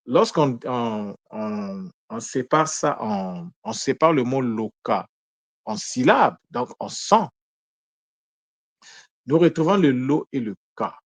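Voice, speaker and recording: Deliberate man teaching word meanings. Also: mid-range voice, expressive, no room sound. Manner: deliberate, asks himself questions and answers them; corrects himself mid-sentence. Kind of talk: explanatory lesson talk.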